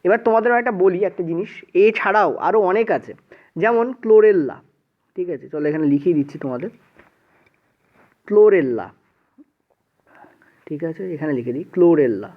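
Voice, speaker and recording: A man with a Bengali accent teaches an exam-prep science class, asking whether things are clear after nearly every phrase and slipping English terms into his talk. His voice sits high for a man. The sound is narrow and tinny, as if heard over a phone. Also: a little fast, pauses often. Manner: repeats "ঠিক আছে" often, mixes English words in.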